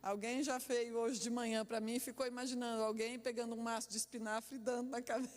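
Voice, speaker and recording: A woman pastor preaching a sermon, telling stories with lively, animated delivery and laughter. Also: a little high, moderate pace. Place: church hall. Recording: echoey church hall.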